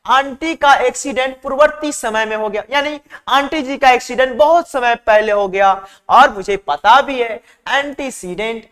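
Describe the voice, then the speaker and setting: A man teaching exam-prep vocabulary, repeating words back in a call-and-response drill and chatting warmly with his students. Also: very high-pitched, big-room sound.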